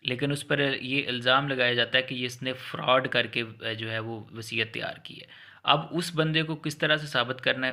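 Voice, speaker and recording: A man with a Pakistani accent gives a law lecture in a medium-pitched voice that sounds bright and forceful. He explains things conversationally and step by step, repeating his points, mixing in English legal terms, and working through hypothetical examples.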